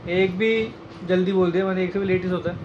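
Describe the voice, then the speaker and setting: राजस्थानी लहजे में बोलने वाला एक आदमी, जो फ़ोन कैमरे पर घर और सैर के दौरान अपने बच्चों के बारे में मज़ेदार, बातूनी अंदाज़ में व्लॉग कर रहा है।. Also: male voice, high voice, fairly even intonation, fast, lo-fi sound, a little hiss or hum. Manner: chatty, playful, talks to kids and viewers. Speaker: family vlogger and father. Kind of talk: casual vlog narration. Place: home, indoors; later outdoors on a walk.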